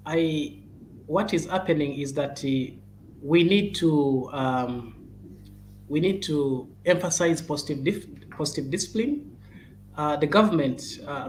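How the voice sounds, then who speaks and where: Halting man urging parents. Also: on the high side, a little hiss or hum, rough recording. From Uganda. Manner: halting and repetitive, with many "uh"s and restarts, urging earnestly. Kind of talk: advocacy talk, addressing parents and caregivers.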